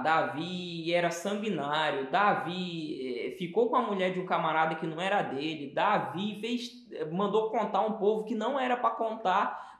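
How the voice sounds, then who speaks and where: Man, Brazilian accent, pastor, sermon, emphatic, repetitive, echoey room. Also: sits high. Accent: Brazilian Portuguese. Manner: emphatic, repetitive, urging the listener to pay attention.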